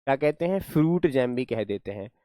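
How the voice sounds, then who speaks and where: A man's voice: mid-range voice, expressive, fairly quick, warm tone, no room sound, clean studio sound. A man teaching an online class, explaining words playfully, repeating his questions and praising his students.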